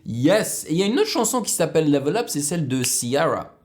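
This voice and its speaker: A man giving casual, excitable reaction commentary on a music video, explaining the production as he goes. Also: on the high side, brisk. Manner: excitable, bursts into exclamations.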